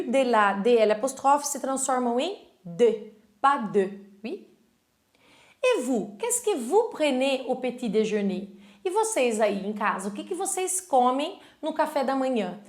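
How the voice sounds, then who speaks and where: A woman with a high voice teaches an online language lesson. She explains patiently and slows down to say each example phrase clearly. The room around her gives a noticeable echo. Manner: clear, slow modeling of French phrases between explanations. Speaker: French teacher.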